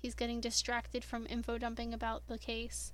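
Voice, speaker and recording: A woman co-hosting a casual fan podcast, wry and quick, swearing casually. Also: a little high, monotone, a bit bright. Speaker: podcast co-host.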